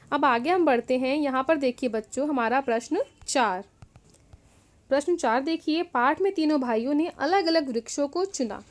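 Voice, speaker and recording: A woman's voice: sits high, darkish tone. A woman teacher explaining a worksheet to young children, patiently repeating words and calling them "children". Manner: patient, repeats each word, addresses "children" often.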